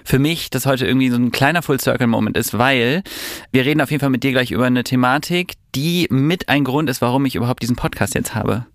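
A man's voice: mid-range voice, quick pace, no echo, clean studio sound. A man hosting a podcast in a casual, conversational way, interviewing his guest.

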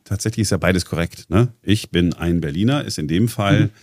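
A man's voice: deep voice, moderate pace, darkish tone, no echo, studio quality. A man presenting on a talk show in casual chat, explaining at length with many hesitations and restarts. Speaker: radio presenter.

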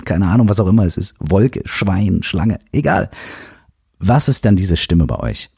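Deep husky man hosting a podcast. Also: measured pace, no room sound, studio quality. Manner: animated, emphatic, casually swears. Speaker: podcast host. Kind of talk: casual self-help podcast talk.

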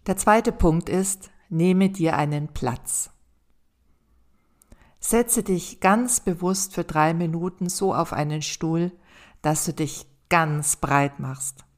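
A woman hosting a self-help podcast, calmly speaking straight to the listener and guiding them through exercises in a gentle, encouraging way. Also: fairly low pitch, slow. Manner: calm, addresses the listener directly as "du". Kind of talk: scripted advice monologue.

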